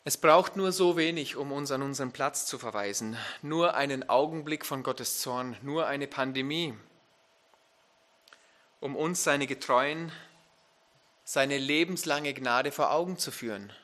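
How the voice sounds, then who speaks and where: A man preaching a sermon as pastor, emphatic, turning to his listeners with direct questions and climbing to loud, fervent peaks. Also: mid-range voice, unhurried.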